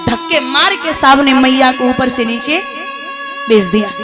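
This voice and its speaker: A woman storyteller tells a tearful devotional tale and preaches its lesson, talking straight to her listeners. Her voice is high-pitched, and music plays steadily behind the storytelling. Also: measured pace. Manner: emotional, addresses listeners directly.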